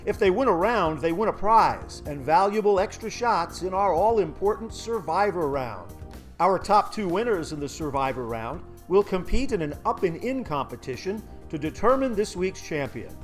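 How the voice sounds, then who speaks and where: High-pitched male golf commentary narrator. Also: lively intonation, normal speed. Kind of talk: scripted golf commentary voice-over. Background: faint music.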